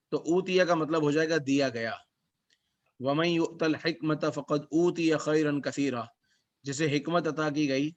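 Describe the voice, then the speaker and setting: A man teaching Quranic Arabic as a class lesson, reciting verses slowly and then explaining them word by word. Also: a little high. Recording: dull lo-fi recording.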